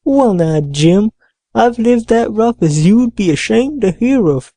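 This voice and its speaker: A hoarse, rusty-voiced old castaway drawls slowly and loudly, his words dragging out, as a woman reader puts him on. The voice sounds set apart from the narration, in a dry, close recording. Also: fairly high pitch, animated, dry recording. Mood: rambling. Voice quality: hoarse, awkward, slow drawl. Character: ragged half-crazed old male castaway. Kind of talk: audiobook character voice.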